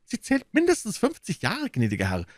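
A man's voice: high voice, wildly swooping pitch, brisk, no room sound, studio quality, pitched above the performer's own voice, heavily acted. A man reading an audiobook and voicing an anxious, fussy male innkeeper who is owed money, pleading and fretful.

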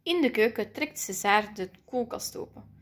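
A woman reading a children's picture book aloud, lively and playful. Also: fairly high pitch, normal speed. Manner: lively, playful voices for the characters. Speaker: storybook reader.

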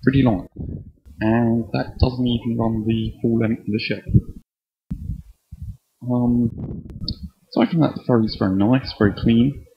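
A man's voice: mid-range voice, fairly even intonation, measured pace, pauses often, lo-fi sound, a little hiss or hum. A man vlogging in a casual, dryly self-deprecating way, recorded through an earphone used as a microphone, so his voice comes out fuzzy and distorted. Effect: distorted, fuzzy earphone-mic recording.

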